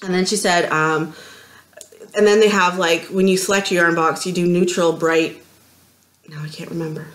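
A woman from Canada co-hosting a casual podcast, talking in a lively, laughing, self-mocking way. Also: lowish voice, moderate pace, long pauses. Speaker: podcast co-host. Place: home craft room, seated with co-host.

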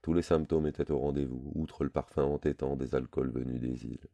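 A man reading a novel aloud in measured, literary narration. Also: rumbling low, fairly even intonation, vocal fry, dark tone, no echo. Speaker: audiobook reader. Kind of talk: scripted narration.

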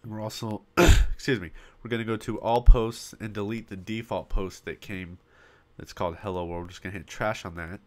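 A web design tutorial host speaks in a lowish voice with fairly even intonation, though he is losing his voice. In a casual screen-recorded software walkthrough, he builds a website step by step with frequent pauses, coughing now and then into a popping desktop mic.

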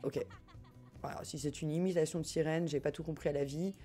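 A woman's voice: low-pitched, fairly even intonation, fairly quick, mellow, faint music behind. A woman with a French accent chatting casually as she streams a life-sim game and reads her chat, joking and often laughing. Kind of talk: casual gameplay commentary, reading chat.

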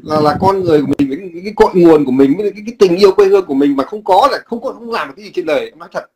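A man's voice: sits high, expressive, very fast, poor audio. A man from Vietnam speaking earnestly in casual chat, repeating and restarting his words. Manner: earnest, repetitive, many restarts. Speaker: emigrant father. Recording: crowd chatter behind.

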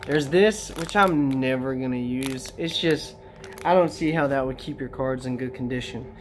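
A casual vlogger opening trading card packs, talking to viewers directly in an excitable, slangy way. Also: medium pitch, moderate pace, slight background noise. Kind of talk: casual unboxing chat.

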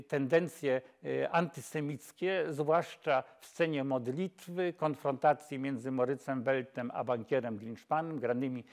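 An older man talks as a film expert in a slightly raised pitch. He speaks in measured phrases, often pausing and correcting himself mid-word. It sounds like a lapel mic in a quiet studio. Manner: measured, with frequent hesitations and self-corrections. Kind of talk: film lecture. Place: dark studio, seated on camera.

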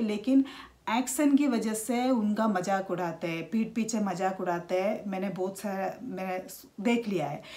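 Woman, thirties, casual vlog talk, halting with restarts, higher voice. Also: darkish tone. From India. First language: Malayalam. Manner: halting, many restarts and fillers. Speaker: vlogger.

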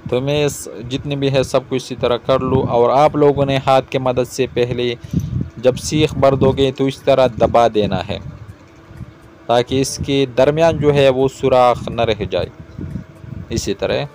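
A man in his thirties from Pakistan, hosting a cooking video and calmly explaining each step to viewers outdoors. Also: medium pitch, a little slow, slight background noise. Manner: calm, repetitive explaining, addresses viewers directly. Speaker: cooking channel host. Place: outdoors in a garden yard.

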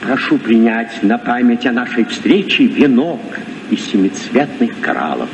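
An actor playing an earnest, courteous deep-sea explorer and professor, speaking formally and theatrically in a Soviet radio play. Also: male voice, big pitch swings, measured pace, dull audio. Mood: solemn, gracious. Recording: noisy old radio recording.

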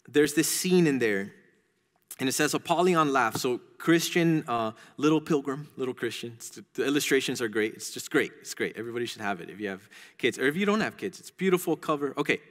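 A man's voice: mid-range voice, animated, normal speed, a bit bright. A male pastor preaching a sermon, conversational and emphatic, often restarting his phrases. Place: church sanctuary. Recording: long church reverb.

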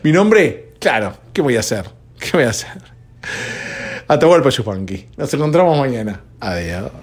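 A man's voice: medium pitch, sing-song, normal speed, husky, faint music behind. A sleepy man with a Rioplatense Spanish accent, rambling conversationally as a podcast host, recorded at home at dawn. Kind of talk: solo podcast chat.

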